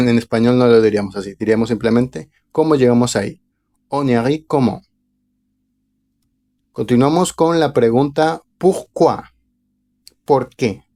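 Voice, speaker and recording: A man teaching a language lesson online, reading example phrases slowly and carefully before explaining them. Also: mid-range voice, warm tone. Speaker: French teacher.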